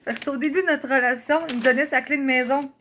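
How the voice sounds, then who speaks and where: A woman with a Québécois French accent chats casually to her vlog audience. Her voice sits a touch high, and she talks in a loose, slangy way full of little fillers. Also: fairly even intonation, quick pace, a bit bright, slight background noise. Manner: chatty, fillers and slang, reading old cards aloud. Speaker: vlogger. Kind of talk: casual nostalgic vlog chat.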